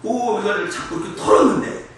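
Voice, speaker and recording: A man's voice: high voice, quick pace, distant mic. A male pastor preaching a sermon with humor, telling personal stories and leading the congregation to repeat after him. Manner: lively, humorous storytelling with call-and-response to the congregation. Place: church sanctuary. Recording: echoey church hall, mic from afar, faint noise.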